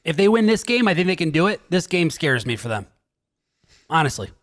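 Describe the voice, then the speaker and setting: A man co-hosting a casual sports betting show, loud and jokey. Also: a little high, sing-song, fairly quick. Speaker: sports betting podcast co-host.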